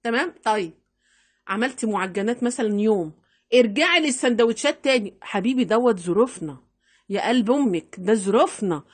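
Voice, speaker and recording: A middle-aged woman with an Egyptian accent giving chatty, animated household money-saving advice, repeating herself for emphasis. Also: fairly high pitch, fairly quick, breathy edge. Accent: Egyptian Arabic. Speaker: home-economy vlogger. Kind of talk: casual advice talk to camera.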